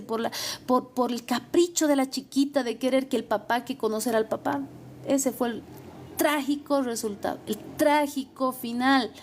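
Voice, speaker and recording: A woman's voice: high-pitched, a little mellow, a little hiss or hum. A young adult woman lawyer, giving emphatic, repetitive advice. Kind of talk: advice talk.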